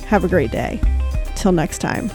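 A woman's voice: fairly low pitch, animated, unhurried, over music. A woman hosting a devotional podcast, speaking in an earnest, prayerful way and narrating a children's story. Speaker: podcast host.

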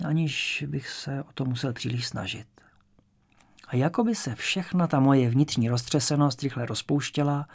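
A man narrating a first-person audiobook in a calm, reflective storytelling manner. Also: on the high side, creaky, no room sound.

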